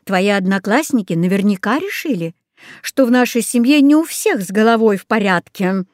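A woman's voice: mid-range voice, animated, normal speed, a little mellow, no room sound, clean studio sound, lightly acted. A woman reading the lines of a stern, scolding father in a storybook. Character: stern strict father, middle-aged man.

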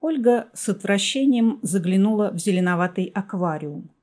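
An audiobook narrator with a mid-range voice reads a story aloud as scripted narration. Her storytelling is measured and even.

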